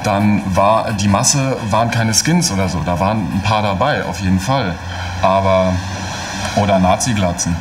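A young man from giving a casual tour of his small shop and talking in an interview, often ending sentences with a relaxed "ne?". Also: lowish voice, normal speed, a little hiss or hum. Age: young adult. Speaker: skinhead mail-order shop owner. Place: small shop office and storeroom, indoors.

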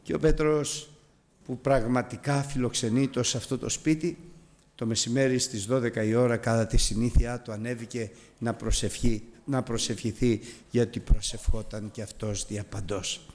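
Impassioned male preacher. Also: steady tone. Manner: impassioned preaching, swinging from loud high exclamations to hushed prayer. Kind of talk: sermon.

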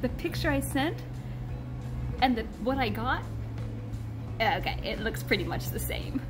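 A woman in her forties, a vlog host, chatting excitedly into a close-held phone camera in a small quiet cafe. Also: high voice, a little slow, rough recording. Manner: bubbly and gushing, excitable. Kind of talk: casual travel vlog. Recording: loud music behind the voice.

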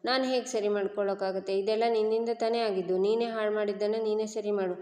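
A stubborn young woman pleads like a child, voiced by a woman narrator. Her pitch stays flat and narrow. An echoing room with long reverb surrounds the voice. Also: fast talker, lightly acted.

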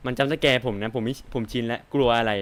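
A man streams a horror game, reading the characters' lines aloud and cracking jokes between them. His voice is smooth and clear, at an ordinary middle pitch, and he swears and yelps when the scares hit. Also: steady tone, quick pace. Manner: jokey, swears, reacts loudly to scares. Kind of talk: casual let's-play commentary, reading game dialogue aloud.

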